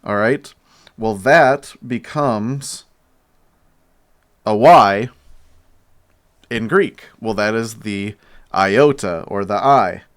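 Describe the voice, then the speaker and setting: A man teaching a bible lesson at a whiteboard, explaining slowly and pausing while he writes. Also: on the low side, clean tone. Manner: slow, explanatory, pauses while writing. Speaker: church teacher.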